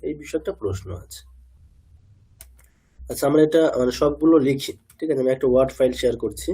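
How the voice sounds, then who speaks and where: Patient male teacher with a husky voice. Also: mid-range voice, mellow. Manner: patient, keeps checking understanding with tag questions; models pronunciations slowly and repeats them. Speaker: teacher of chanting. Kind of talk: online chanting lesson. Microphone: video call.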